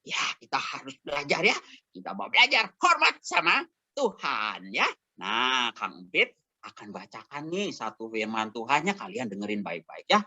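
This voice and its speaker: A man's voice: medium pitch, wildly swooping pitch, normal speed, pushed and bright, no room sound. A man, an evangelist telling a Bible story to kindergarten children, exclamatory and full of questions.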